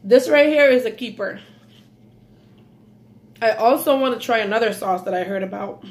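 Speaking at a fairly high pitch and moderate pace, this mukbang vlogger is a woman in her thirties from Belize with a faint Belizean accent. She eats and chats casually in a small indoor room at home, murmuring mm's as she enjoys each bite.

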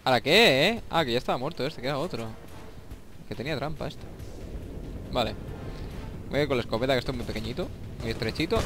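A young man with a Spain Spanish accent giving excitable, swear-filled commentary over a shooter game and taunting the enemies. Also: medium pitch. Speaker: gameplay commentator. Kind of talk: let's play commentary. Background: faint game music and gunfire.

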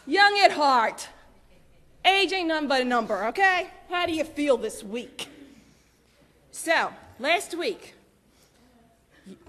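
A woman giving lively, chatty announcements to a church congregation, laughing often. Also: high voice. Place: church sanctuary. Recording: long church reverb.

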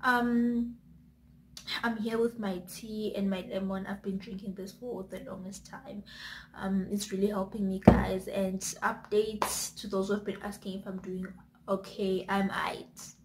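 A woman's voice: mid-range voice, level tone, measured pace. Chatty woman vlogger with faint background noise. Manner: chatty, rambling, many fillers and restarts. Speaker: YouTube vlogger. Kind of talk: casual to-camera chat.

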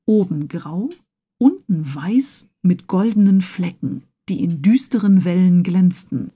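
A woman reading a classic adventure novel aloud as scripted narration, in a calm, even storytelling manner. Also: lowish voice, slow, husky. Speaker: audiobook reader.

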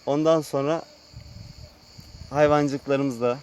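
A man vlogging casually outdoors at a rural sheep pen, speaking slowly and unhurriedly about his new animals. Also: steady tone, darkish tone, slight background noise. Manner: slow, unhurried, with sing-song high calls to the animals. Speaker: vlogger moving to the countryside. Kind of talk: casual vlog talk while tending sheep.

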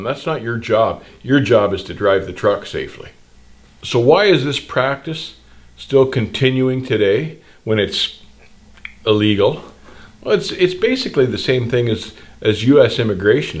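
An older man hosting a trucking channel, speaking straight to camera in blunt, plain-spoken, indignant advice talk and gesturing broadly, recorded in a small indoor studio. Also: medium pitch.

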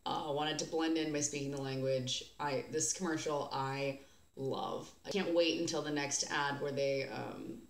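A woman's voice: rumbling low, a little slow, gravelly, roomy sound. An American woman hosting a beer vlog, chatting casually and sarcastically, with lots of fillers and restarts. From United States. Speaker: beer vlogger host.

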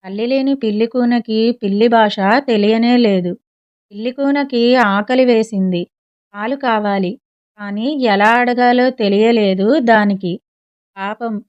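A woman hosting and narrating a children's storybook in a gentle sing-song, in a slightly muffled recording. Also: fairly high pitch. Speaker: storyteller, channel host.

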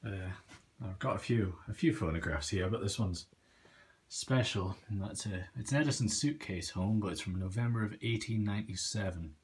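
An antique phonograph collector gives a casual, understated show-and-tell in a small room at home, his voice fairly low and his speed normal. He stays off screen while a handheld phone or camera records him, and the audio is noisy with clicks.

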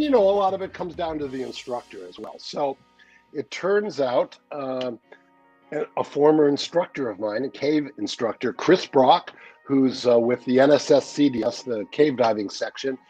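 Speaking through a webcam on a video call from his home study, this sixties-aged newsletter editor and regular guest talks casually in a slightly high voice with a breathy edge. He meanders, leaning on fillers and laughing easily.

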